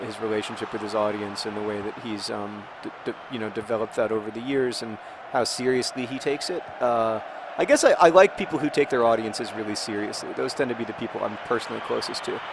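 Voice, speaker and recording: A man's voice: mid-range voice, background noise. A man hosting a gaming video, chatting casually and rambling with joking asides while he plays.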